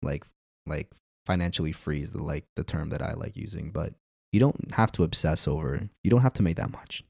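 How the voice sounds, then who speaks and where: A man's voice: rumbling low, expressive, fairly quick, gravelly, darkish tone, no room sound, clean studio sound. A man co-hosting a podcast in casual chat, agreeable and affirming. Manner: agreeable, brief affirming replies. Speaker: podcast co-host.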